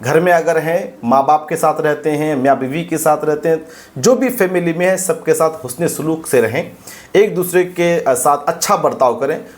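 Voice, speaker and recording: A man's voice: on the high side, moderate pace. A man gives an earnest religious advice talk, repeating phrases for emphasis. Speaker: religious speaker.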